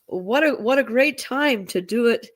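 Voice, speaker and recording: A woman's voice: on the high side, lively intonation, a little slow. A woman co-hosting a casual chat, speaking reflectively and often repeating words as she gathers her thoughts. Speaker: co-host.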